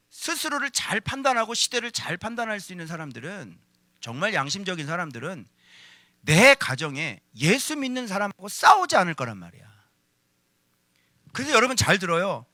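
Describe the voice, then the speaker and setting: A male pastor preaching with energy, scolding with rhetorical questions, shouting out some phrases and then dropping to a low voice. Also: big pitch swings, moderate pace, long pauses, no room sound, studio quality. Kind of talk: sermon.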